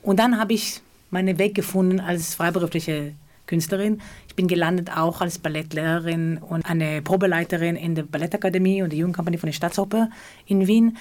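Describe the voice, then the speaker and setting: Woman, middle-aged, slightly low voice, stops a lot to find the word. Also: fairly even intonation, brisk, darkish tone. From Israel. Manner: searching for words, frequent hesitations. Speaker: choreographer and theatre co-founder. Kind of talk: interview answer.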